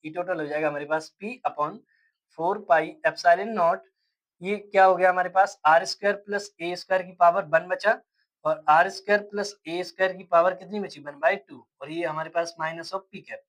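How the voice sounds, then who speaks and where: Guy with a highish voice explaining physics slowly, keeps asking and answering himself. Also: fairly even intonation, fairly bright tone, rough recording. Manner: explains step by step, asks questions and answers them himself. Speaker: physics teacher. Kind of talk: classroom lecture.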